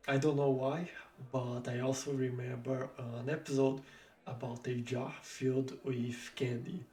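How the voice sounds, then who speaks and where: A man reminisces in a casual, wandering way. His delivery is slow and halting, with a creaky fry in the voice. The sound is roomy and echoing. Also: medium pitch, a little mellow. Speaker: vlogger reminiscing about old kids' shows.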